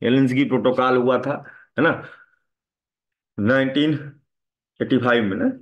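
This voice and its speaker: A man's voice: medium pitch, fairly even intonation, a little slow, highs cut off. A man teaching a classroom lecture, often asking students questions and repeating a tag after his points. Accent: Hindi.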